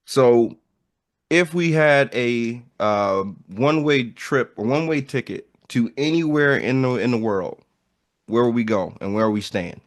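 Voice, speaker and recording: A man's voice: mid-range voice, lively intonation, unhurried, dry recording, studio quality. A man hosting a podcast in casual chat, opening with upbeat intros and repeated phrases. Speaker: podcast host.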